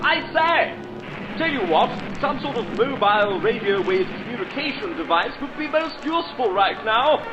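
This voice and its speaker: A man's voice: very high-pitched, animated, normal speed, voice pushed up. A man voicing a pompous upper-class British fighter pilot from the First World War, full of bluster. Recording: dull audio under loud music.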